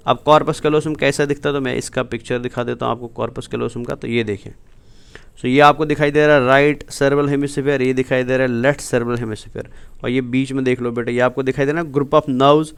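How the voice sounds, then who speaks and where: Guy teaching biology, smooth clear voice, keeps quizzing students then answering himself, mixes english in. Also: medium pitch, flat delivery, brisk. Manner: keeps asking and answering his own questions, calls students "beta"; mixes English terms and sentences into his Hindi. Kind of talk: exam-prep lecture over slides.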